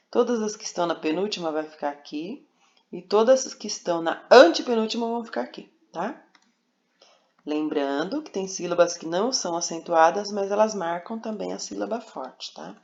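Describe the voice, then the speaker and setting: Brief: woman teacher, lowish voice, patient and coaxing with children, dull lo-fi home recording. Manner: patient, coaxing, spells out syllables. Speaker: primary school teacher. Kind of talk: recorded remote lesson.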